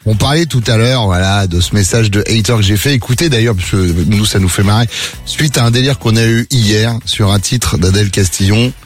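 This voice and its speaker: A man's voice: lowish voice, a little fast, faint music behind. A man in his fifties who hosts a radio morning show and chats with callers, joking and teasing them. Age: 50s. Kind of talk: lively radio talk with callers.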